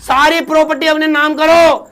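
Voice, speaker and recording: A man's voice: very high-pitched, flat delivery, normal speed, noisy background. A man playing a wealthy, fierce old mother-in-law in a comedy sketch, scolding and pleading melodramatically. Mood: furious.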